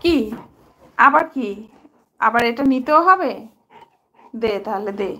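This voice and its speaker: A woman's voice: high voice, animated, slow, bright, forceful tone. A woman talking playfully to her pet dog, coaxing it with short repeated commands. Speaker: dog owner.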